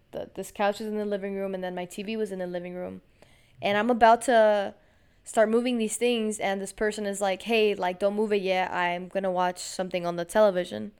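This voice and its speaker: A woman hosts a podcast, rambling through a personal story with frustration and plenty of swearing and slang. It's a casual storytelling monologue. Her voice is mid-range and the tone is clean.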